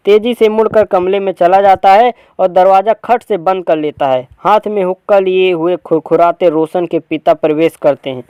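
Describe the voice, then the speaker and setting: A man's voice: high-pitched, normal speed, hardly any pauses, mellow, clean tone, no echo. A man reading a play aloud for students, narrating the stage directions plainly. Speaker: teacher.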